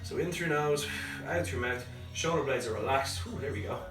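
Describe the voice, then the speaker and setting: A man leading a live home workout as a fitness coach, giving brisk, encouraging cues and breathing prompts. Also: mid-range voice. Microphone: phone livestream from a distance. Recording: roomy, far from the mic, faint music.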